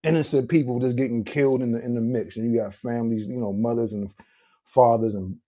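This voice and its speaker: A man's voice: medium pitch, fairly even intonation, brisk, warm tone. A man co-hosting a casual podcast, talking in long rambling runs with restarts and "you know what I'm saying". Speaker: podcast co-host. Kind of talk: casual group chat.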